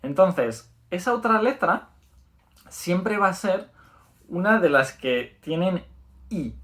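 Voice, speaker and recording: A man's voice: on the high side, a bit bright. Upbeat Spanish man teaching a lesson. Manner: explanatory, repeats words slowly and checks in with "¿vale?". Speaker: language teacher. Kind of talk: video lesson.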